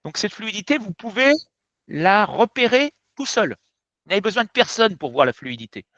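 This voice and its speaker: A male French teacher giving an explanatory lesson, direct and emphatic as he talks straight to his viewers. His voice sits high and swings widely in pitch. The recording is dry and a bit dull. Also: very animated, normal speed, a bit bright, no room sound. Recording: dull, slightly muffled sound.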